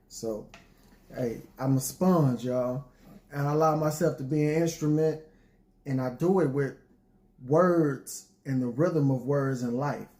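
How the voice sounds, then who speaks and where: A man with a mellow, dark voice at a middle pitch talks informally to his listeners. He is reflective and folksy, with a bit of a preacher's manner. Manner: folksy, preacherly, often addresses listeners as y'all. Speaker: poet addressing an audience.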